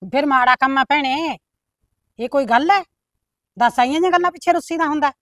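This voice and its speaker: Woman playing a firm village elder, Malwa Punjabi accent, higher-pitched, reassuring. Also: brisk, a bit bright, no echo, clean studio sound. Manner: firm, reassuring, uses proverbs. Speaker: visiting elder sister, called bebe. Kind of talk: village short film acting.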